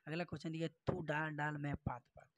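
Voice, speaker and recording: A Hindi teacher going through exam practice questions, explaining each answer with rhetorical questions and repetition. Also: male voice, fairly high pitch, flat delivery, brisk, fairly bright tone. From northern India.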